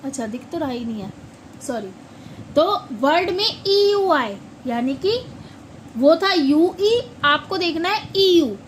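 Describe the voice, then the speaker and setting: High-voiced slow-talking woman teacher. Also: sing-song, a little hiss or hum, poor audio. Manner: slow, repeats words and asks questions back. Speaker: English pronunciation teacher. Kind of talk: classroom-style lesson.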